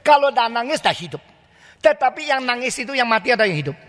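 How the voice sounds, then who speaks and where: An older male pastor with an Indonesian accent preaches in a large church hall. His high, bright voice rings out with a long reverb behind it. He keeps firing rhetorical questions at the congregation and slips into mock dialogues. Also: very animated, fast. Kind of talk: sermon.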